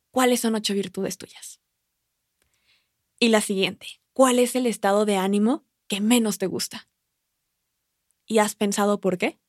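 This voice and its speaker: A woman's voice: mid-range voice, no echo. Woman in her 20s, casual self-help podcast talk, keeps asking the listener questions, dry close sound. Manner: poses reflective questions straight to the listener; casual and conversational. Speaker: podcast host.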